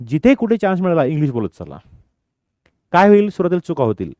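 Lively man teaching English. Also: a little high, fast, dry recording. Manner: lively, mixes English phrases into Marathi. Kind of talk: spoken English lesson.

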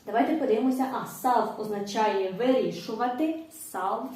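A woman teacher giving a language lesson, explaining step by step and saying English phrases slowly for students to repeat. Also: fairly high pitch, a little mellow, distant mic. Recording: echoey room, voice from off-mic.

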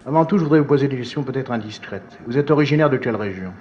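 A man's voice: mid-range voice, racing. A man interviewer asking probing, insistent questions. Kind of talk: archival interview. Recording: dull old recording with faint noise.

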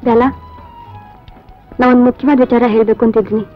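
A woman's voice: on the high side, flat delivery, quick pace, natural voice. An actress playing a caring rural wife who speaks earnestly and plainly with her husband, in a 1970s Indian film. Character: caring rural woman, firm with husband, adult. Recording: tinny old film soundtrack with faint music.

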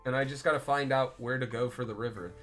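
A man's voice: mid-range voice, fast, a bit bright, faint music behind. A young man live-streaming a game, chatting loosely with viewers, rambling and swearing as he plays. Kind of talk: casual live-stream chat while playing.

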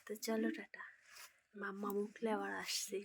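A woman with a Bengali accent speaking softly and slowly in a vlog while her child sleeps. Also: medium pitch, completely flat delivery, gravelly, husky, no room sound. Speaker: vlogger. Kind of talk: hushed vlog narration.

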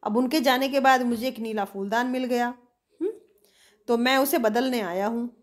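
A woman's voice: on the high side, moderate pace, lightly acted. Woman voicing a courteous shopkeeper uncle. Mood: genial. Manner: courteous, genial. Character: polite middle-aged shop manager Ubatun.

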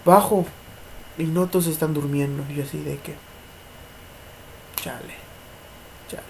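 A man's voice: a little high, steady tone, fairly quick, vocal fry, noisy background. A young man with a Mexican accent tells a paranormal story from home at night in a casual vlog. He rambles and repeats words. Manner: rambling, repeats words, mimics knocking sounds. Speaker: paranormal vlogger. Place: home at night, neighbours' party noise outside.

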